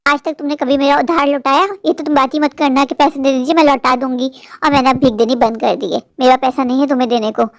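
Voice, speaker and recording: A harsh wealthy lady in a cartoon, lecturing a poor woman with cold contempt, as a woman voices her. The voice sits lower than the rest of the cast but is still high. It is dry and close to the mic. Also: fairly even intonation, fast, no room sound. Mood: scornful. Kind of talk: cartoon voice-over.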